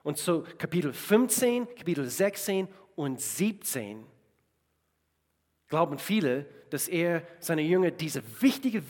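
A male pastor preaching a sermon at a church service, stuffy from a sinus infection, emphatic and repeating phrases while asking the congregation direct questions. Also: a little high. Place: church service in a large hall. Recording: long hall reverb.

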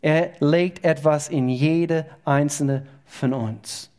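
A male pastor preaching a sermon in a halting way, often repeating words as he goes. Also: fairly high pitch, warm tone. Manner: halting, repeats words, informal slightly unidiomatic German.

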